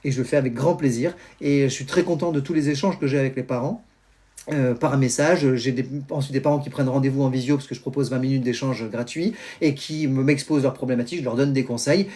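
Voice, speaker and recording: A middle-aged man talks parents through homework advice on a live stream. His pitch sits mid-range for a man, and he explains with lots of hesitations and restarts. He sounds like a teacher used to addressing a group. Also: fast talker. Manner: animated, explanatory, many fillers and restarts. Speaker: teacher and pedagogy trainer. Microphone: phone or computer mic on a live stream.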